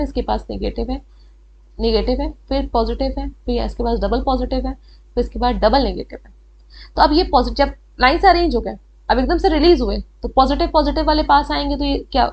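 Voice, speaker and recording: High-voiced Indian woman teaching biology. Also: gravelly, muffled recording. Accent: Indian English. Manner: mixes Hindi and English, slows on key terms. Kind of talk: whiteboard lesson explaining step by step.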